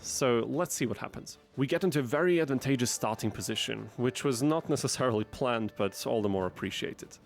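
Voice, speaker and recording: A man giving scripted gameplay commentary as a channel narrator, with wry, dry asides. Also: mid-range voice. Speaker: gaming video narrator.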